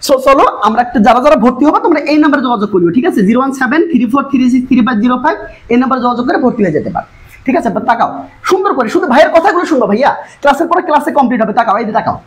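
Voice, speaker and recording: Woman tutor, exam-prep lesson, rapid and coaxing, high voice. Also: expressive, low-quality recording. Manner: fast, coaxing, repeatedly urging students to look. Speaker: English tutor.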